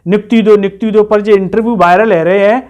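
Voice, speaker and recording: A man voicing a nervous, flattering young male job aspirant, who pleads and keeps saying "bhai sahab". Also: high-pitched, brisk, dull audio, close to an everyday voice. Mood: worried.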